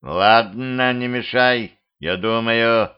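Man doing a gruff grumpy gravedigger, blunt, plain pitch, muffled audiobook. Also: slow pace, natural voice. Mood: wary. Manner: blunt, irritable. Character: gruff middle-aged gravedigger, short-tempered. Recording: dull lo-fi home recording.

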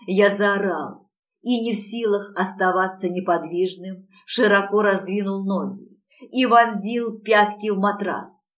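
A woman reading a first-person romance audiobook in a soft, intimate, unhurried way. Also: medium pitch, low-quality recording. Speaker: audiobook narrator.

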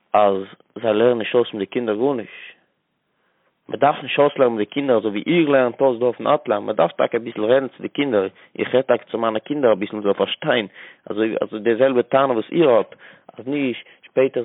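A man's voice: medium pitch, brisk, no echo. Man calling in on a tinny phone line. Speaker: caller. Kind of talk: phone-in talk.

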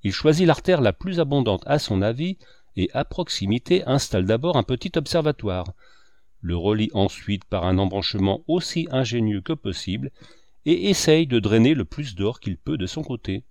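A man's voice: mid-range voice, sing-song, moderate pace, a little mellow, no room sound, studio quality. A man voicing a sardonic older cynic who lectures his friends on money in a sweeping, declamatory way. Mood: lecturing.

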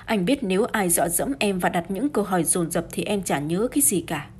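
A woman's voice: medium pitch, lively intonation, a little fast, a little mellow, slightly rough. A woman voicing a frightened, flustered young wife who pleads and stammers, in an audiobook. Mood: pleading.

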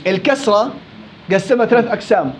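A man teaching a tajweed lesson on Quran recitation. He drawls sample words slowly, repeats them, and quizzes the class. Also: sits high. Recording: dull lo-fi with faint background noise.

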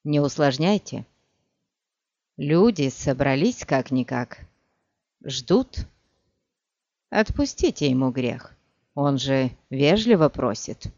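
A man voicing a weary, mournful male court official in an audiobook, speaking low and persuasively, in a dry, slightly dull recording. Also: animated, slow pace, creaky, long pauses, darkish tone, no echo. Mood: pleading.

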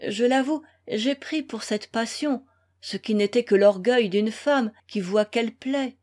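A woman's voice: fairly high pitch, unhurried, a little mellow, natural voice. A woman reading a composed young woman who coolly and formally turns down a suitor. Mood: cold. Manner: cool, formal, restrained.

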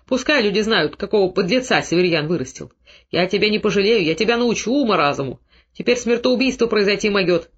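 A man's voice: high voice, expressive, fast, breathy edge. A man reading the part of a blunt, forthright Cossack father speaking earnestly. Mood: scolding. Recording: dull lo-fi recording.

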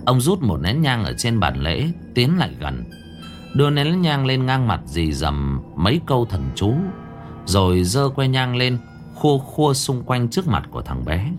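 A man narrating a ghost story in a dramatic, expressive way. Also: mid-range voice, unhurried. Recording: faint background music under narration.

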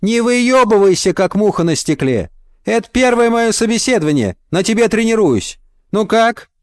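Here's a loud, crude office boss, a woman with a low chesty voice and a lively, mocking delivery, as a male reader puts her on. She barks blunt questions and needles the applicant, and the sound is dry and close. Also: normal speed, no room sound. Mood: brash.

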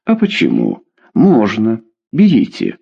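A man's voice: medium pitch, big pitch swings, measured pace, mellow, husky, dull audio, heavily acted. A man reading a dry, bored official. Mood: skeptical. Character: dry, skeptical male official.

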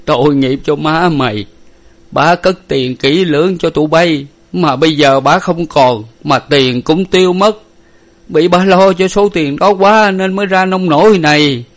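A man's voice: fairly high pitch, moderate pace, pitched above the performer's own voice. A man playing a grief-stricken older father in a storybook reading, choked and lamenting. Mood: mournful lament.

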